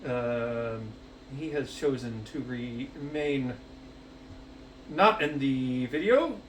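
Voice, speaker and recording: A man's voice: medium pitch, very slow, distant mic, a little hiss or hum. Profane, rambling man in a roomy kitchen. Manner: profane and rambling, with many fillers. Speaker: cooking show host. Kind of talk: casual cooking vlog chat. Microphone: headset. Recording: roomy, off-mic, music underneath.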